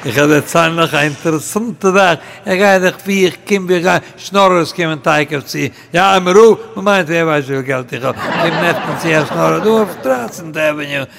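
A man telling humorous anecdotes to a live audience, lively and acting out the people in his stories. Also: a little high, moderate pace, creaky, hardly any pauses, background noise. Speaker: storyteller. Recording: long hall reverb.

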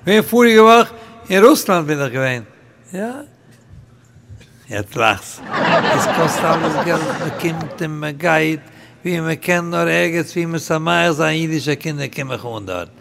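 A man telling humorous anecdotes to a live audience, lively and acting out the people in his stories. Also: a little high, normal speed, vocal fry. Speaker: storyteller. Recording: long hall reverb.

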